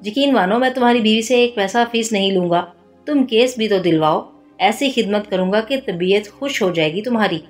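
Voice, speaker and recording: A playful young detective teases in a mock-innocent tone, as a woman reader voices him. He sounds mischievous rather than serious. Soft music runs under the reading. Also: medium pitch, moderate pace, lightly acted. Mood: teasing.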